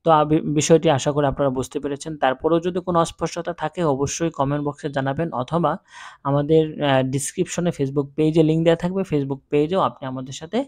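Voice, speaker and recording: A man teaching Quran reading, spelling out letters and reciting words slowly and drawn out, and often checking in with the viewer. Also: a little high, fairly even intonation, a little mellow. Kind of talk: step-by-step recitation lesson.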